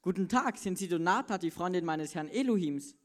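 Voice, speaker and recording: A polite, dutiful male servant with a formal butler manner, played by a woman. He speaks with courteous deference to his master in a children's church Bible play. The voice sits slightly low for a woman. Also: expressive, fairly quick, lightly acted.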